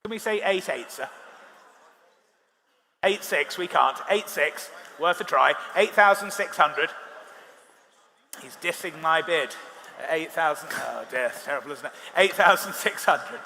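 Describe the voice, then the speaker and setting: A British man working as an auctioneer, calling live bids quickly with wry, bantering asides to bidders. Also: on the high side, sharp tone. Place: large reverberant auction hall. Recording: reverberant hall, amplified, faint background noise.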